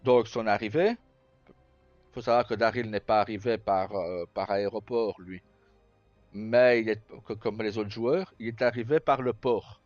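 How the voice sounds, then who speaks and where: In a lowish, somewhat mellow voice, a livestreamer talks to viewers at a measured pace and in a steady tone. The chat is casual and unplanned, peppered with swearing and clipped, unfinished phrases; the room sounds dull and roomy, with faint game music behind him.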